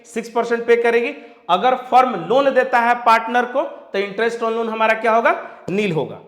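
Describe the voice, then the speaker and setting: A man's voice: very high-pitched, moderate pace, a bit bright. A man from India teaching a commerce class, asking his students questions and repeating each point, with English terms mixed into his speech. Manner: mixes English terms into Hindi. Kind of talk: classroom lecture. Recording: roomy echo.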